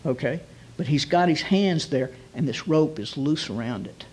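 A man preaching as a guest rabbi, retelling a scene vividly and slowing down to stress key phrases. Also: fairly high pitch, slightly rough. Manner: vivid retelling, drops to slow emphatic phrases. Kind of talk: storytelling sermon.

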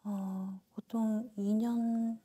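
A woman's voice: fairly high pitch, little pitch movement, very slow, mellow, slightly rough. A woman in her thirties answering a fortune teller with brief, compliant replies. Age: 30s. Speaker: client. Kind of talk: answering in a consultation.

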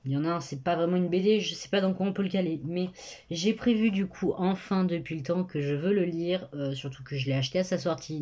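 A woman's voice: fairly low pitch, warm tone, muffled recording. A young woman vlogging casually about books from her bedroom, chatty and full of hesitations. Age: young adult. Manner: chatty, lots of hesitations and self-corrections. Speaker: book vlogger. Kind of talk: casual chat. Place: bedroom at her parents' home. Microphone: phone camera.

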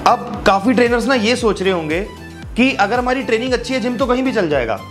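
A man's voice: very high-pitched, lively intonation, fast, loud music behind the voice. A man in his thirties, a gym business coach, explaining to camera from a trophy-filled office, mixing English phrases into Hindi and gesturing constantly. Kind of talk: direct-to-camera advice video. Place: office with trophy shelves, indoors.

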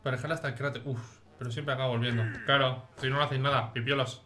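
A young man with an accent from Spain, giving casual, excitable gaming commentary to his chat and swearing freely. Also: medium pitch, very fast, faint music behind. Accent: Spain Spanish. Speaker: streamer.

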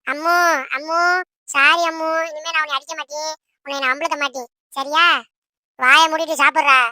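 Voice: sits high, little pitch movement, normal speed, sharp tone, dry recording, clean studio sound. A voice actor playing quarrelling teenage siblings in a cartoon who whine and tattle on each other. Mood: whining. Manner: whining, tattling. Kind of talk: Tamil cartoon voice acting.

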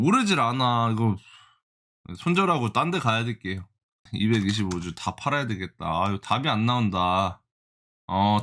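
A man's voice: medium pitch, a bit bright. A young man giving live reaction commentary as he day-trades, exasperated and joking with his viewers and scolding the price chart. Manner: exasperated, talks to the chart, jokey banter with viewers. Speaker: stock-trading vlogger.

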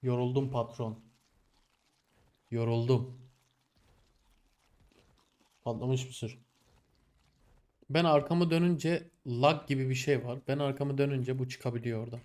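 A young man giving casual gameplay commentary, exasperated, talking to the game and his animals and swinging between low muttering and loud outbursts. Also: steady tone, unhurried, long pauses. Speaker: gameplay streamer.

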